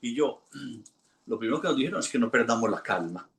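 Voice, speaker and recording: A man, an instructor telling a lively anecdote to a class and acting out the voices in it. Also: medium pitch, fairly quick, creaky, echoey room. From Colombia. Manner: animated storyteller, acts out quoted voices. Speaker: hypnosis instructor.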